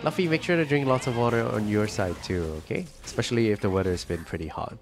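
A man's voice: mid-range voice, fast, over music. A sick man with a stuffy, nasal voice and a cough, chatting casually on a live stream and reading out viewer comments. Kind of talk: casual live-stream chat while gaming.

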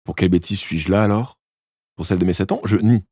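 A man voicing a mischievous, defiant young boy in an audiobook, raising his voice high and loud. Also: fairly quick, husky, no echo, studio quality. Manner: bright, insistent denials. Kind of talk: audiobook character voice.

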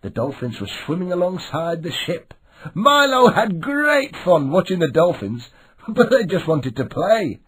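Man narrating a children's story, high voice, husky, exaggerated sing-song delivery. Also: big pitch swings, a little slow, a bit bright, poor audio. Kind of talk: reading a children's story aloud.

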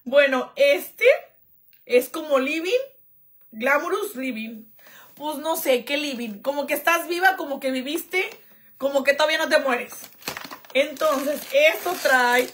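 A high-pitched young woman chats her way through a live unboxing. She jokes about herself and reads viewers' comments aloud in a loose, casual way. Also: a little slow, a bit bright, a little hiss or hum. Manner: chatty and self-joking, reads out viewer comments. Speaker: vlogger doing a live unboxing. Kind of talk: casual live-stream chat.

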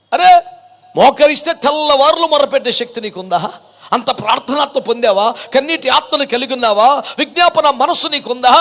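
A man's voice: very high-pitched, fairly bright tone. A man preaching a sermon as a pastor, impassioned and rhetorical, firing off repeated questions.

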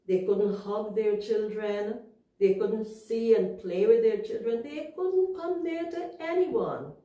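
A woman teaching young children a Bible story, explaining things simply and asking them gentle questions. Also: a little high. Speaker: Sabbath school teacher. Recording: echoey room, far from mic.

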